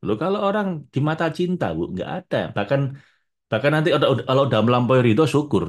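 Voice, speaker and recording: Animated preacher man with touches. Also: mid-range voice, fast. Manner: animated, addresses listeners as Bu and Pak, jumps from loud to hushed. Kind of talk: religious talk to an audience.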